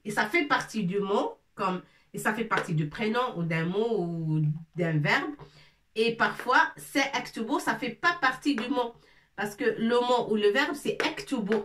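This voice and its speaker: A woman teaching a lesson in French, slowly drilling syllables as she writes on a board. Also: on the high side, fairly bright tone, a little hiss or hum. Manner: slow, repetitive, drilling syllables. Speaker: Arabic teacher. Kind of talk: casual classroom lesson, writing on a board. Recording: echoey room, mic at a distance.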